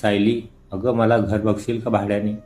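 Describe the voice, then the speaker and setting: Give me a man reading a teasing young woman in a storybook, with a dark, mellow voice. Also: moderate pace, natural voice. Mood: cheerful. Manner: reads her lines in his own low, even voice.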